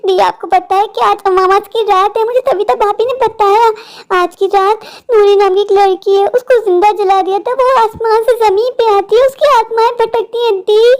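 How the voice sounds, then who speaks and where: A woman plays a naive young woman in a cartoon who frets and rambles to herself. The voice is very high and girlish. She sounds scared and chatty. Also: fairly even intonation, normal speed. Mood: worried. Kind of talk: cartoon voice acting.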